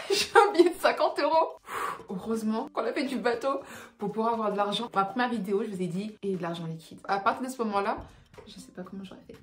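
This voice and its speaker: A young adult woman telling her solo travel mishaps in an animated, slangy way, laughing as she goes. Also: mid-range voice, fast talker. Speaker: travel vlogger. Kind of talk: casual storytelling to camera. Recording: echoey room, faint music.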